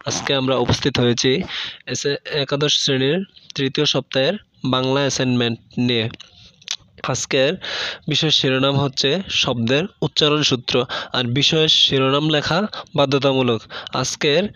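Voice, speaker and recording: A man teaching a class as he reads an assignment answer sheet aloud, slowly and carefully, saying each example word twice. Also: medium pitch, fairly even intonation, pushed and bright, no echo, dull audio. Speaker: online teacher.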